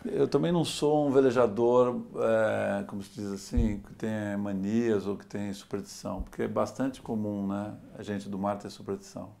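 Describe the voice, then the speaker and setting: This lowish, gravelly, mellow voice keeps a steady tone at normal speed with few pauses. It belongs to a sailor and adventurer from Santos, Brazil, who tells reflective stories in a relaxed interview, laughing softly and saying "né?".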